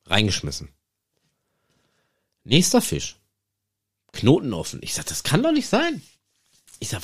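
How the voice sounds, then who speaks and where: Lively man telling a fishing story. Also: mid-range voice. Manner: lively anecdotal retelling, acts out dialogue. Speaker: fishing podcast host. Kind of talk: casual storytelling to listeners.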